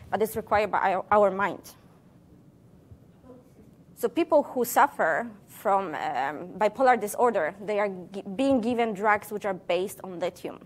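A woman scientist giving a public science talk to a live audience, playful, quizzing the room and joking between facts. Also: mid-range voice.

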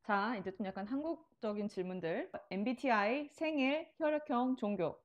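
A woman's voice: a little high, lively intonation, normal speed, dull audio. A woman in her thirties asking questions in a casual, conversational interview. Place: small living room, on a sofa indoors.

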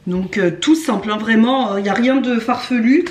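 This cooking vlogger, a woman in her thirties, talks through a recipe step by step in a relaxed, chatty way in her home kitchen. Her pitch sits on the high side and her speed is normal. Music runs under the echoey indoor audio.

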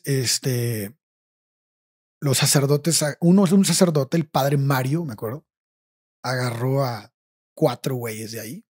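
A man's voice: mid-range voice, creaky, slightly rough. A young Mexican man telling a personal story in casual, slang-heavy chat, swearing freely and tagging his phrases with "güey".

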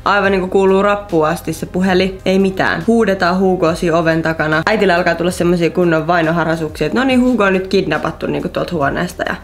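A woman's voice: lowish voice, hardly any pauses. Chatty young woman telling stories. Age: around 20. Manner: chatty, animated storyteller. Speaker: vlogger. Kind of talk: casual storytelling vlog.

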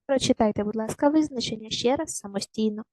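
A woman teaching a recorded primary school lesson, giving clear, patient step-by-step instructions to young children. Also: on the high side, fast talker, darkish tone, no echo, rough recording.

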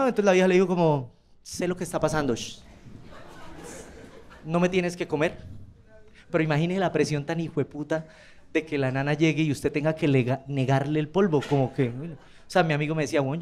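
High-voiced Colombian man doing stand-up. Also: fast. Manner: crude, animated storytelling with quoted voices. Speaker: stand-up comedian. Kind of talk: stand-up comedy routine. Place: comedy club stage.

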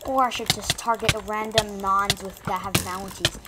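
A woman's voice: mid-range voice, fairly even intonation, moderate pace. Casting: chatty self-mocking gamer woman, mid-range voice, noisy recording full of clicks. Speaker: gaming YouTuber. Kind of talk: casual gameplay commentary.

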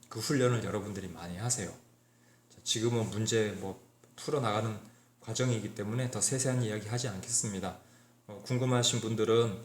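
A man's voice: lowish voice, a little hiss or hum. Korean male teacher in an echoey room. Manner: walks through problems step by step, frequent "자" and "그죠?" check-ins. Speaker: English teacher. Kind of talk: exam-prep grammar lecture.

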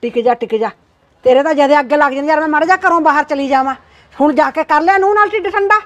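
A woman's voice: high voice, fast, a bit bright. An actress playing a nagging, gossipy older mother-in-law who keeps complaining. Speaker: actor. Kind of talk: amateur short-film acting.

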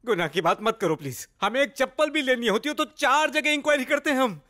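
A man's voice: extremely high pitch, lively intonation, fast, exaggerated voice. An actor dubbing a stubborn, sarcastic middle-aged father in a comic film scene. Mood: stern. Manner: blustering, sarcastic. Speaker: disapproving father. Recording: dubbed dialogue over loud film music.

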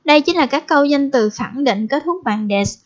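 Young female language teacher, patient slow drills, higher voice, slightly dull lo-fi sound. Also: lively intonation. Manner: slow drilled repetition of example phrases. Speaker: Japanese teacher. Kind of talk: language lesson. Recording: dull lo-fi recording.

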